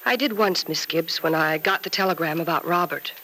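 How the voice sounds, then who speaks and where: An actress playing a gentle, bereaved young nurse in a 1940s radio soap opera, consoling in an earnest, wistful, measured way. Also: female voice, on the low side, poor audio. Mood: wistful sorrow. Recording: old radio recording with faint noise.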